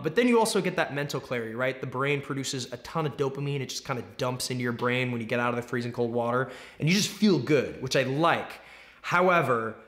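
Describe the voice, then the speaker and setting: Male athlete vlogger, conversational and explanatory, medium-pitched voice with emphatic repeats. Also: a bit bright. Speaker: athlete vlogger, competitive swimmer. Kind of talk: casual explanatory vlog talk.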